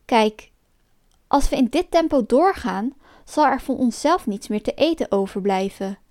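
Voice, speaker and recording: A woman's voice: high-pitched, darkish tone. A woman voicing an old peasant farmer in a told folk tale, speaking bluntly and matter-of-factly.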